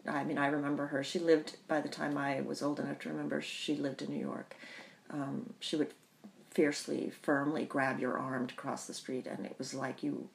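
A woman who grew up in the Bahamas, telling her family history in an interview, thoughtful and pausing often. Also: sits low, flat delivery, vocal fry. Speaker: interview guest. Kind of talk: reflective personal storytelling.

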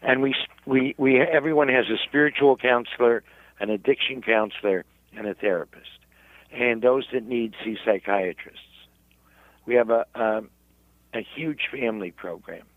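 A man, a rabbi, telling his story in an interview in halting, self-repeating speech. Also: medium pitch, no echo, narrow, tinny audio. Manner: halting, repeats words while searching. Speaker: rabbi and guest.

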